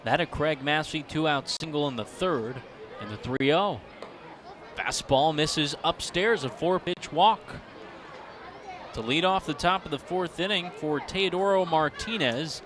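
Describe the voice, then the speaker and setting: A man's voice: on the high side, a little slow. American baseball announcer, man, over crowd noise. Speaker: baseball radio play-by-play announcer. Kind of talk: live baseball play-by-play and sponsor reads. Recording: live ballpark broadcast, loud crowd noise. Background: crowd and outdoor ballpark ambience.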